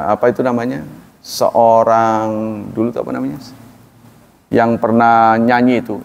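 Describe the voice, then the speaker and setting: A middle-aged Indonesian man giving a casual, digressive sermon on Quranic commentary, chuckling now and then and slowly chanting Arabic verses. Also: medium pitch, darkish tone. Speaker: Islamic preacher. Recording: long hall reverb.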